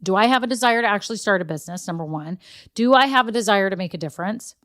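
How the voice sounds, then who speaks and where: A woman's voice: mid-range voice, expressive, quick pace, a bit bright, no echo, clean studio sound. A woman, hosting a casual solo podcast, chatty and encouraging with frequent asides. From Texas. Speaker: podcast host.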